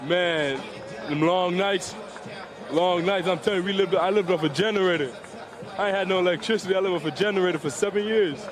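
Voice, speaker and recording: A young man from the Bahamas, a newly drafted basketball player, speaking in a halting, emotional way in a post-draft interview. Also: high voice. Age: young adult. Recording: interview with loud crowd behind.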